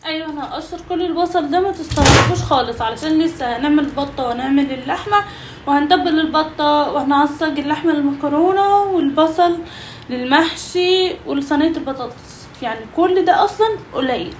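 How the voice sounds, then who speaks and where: A woman's voice: high-pitched, a little fast, slight background noise. A young Egyptian woman with an Egyptian Arabic accent, chatting to viewers in a casual cooking vlog from her home kitchen. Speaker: vlogger.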